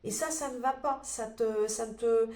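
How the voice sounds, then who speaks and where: A woman's voice: a little high, normal speed, a little mellow. Stuffy-nosed woman reading tarot, roomy sound. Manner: searching, many fillers and restarts. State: stuffy nose from a cold. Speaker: tarot card reader. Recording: roomy echo.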